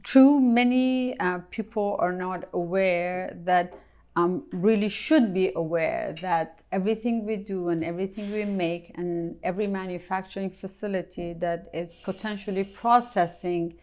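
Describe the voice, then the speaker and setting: A middle-aged woman from Iran speaks in a lowish, smooth and clear voice. She answers interview questions thoughtfully, often pausing with ums as she searches for words. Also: darkish tone. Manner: thoughtful, hesitant with many ums. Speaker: company president, guest.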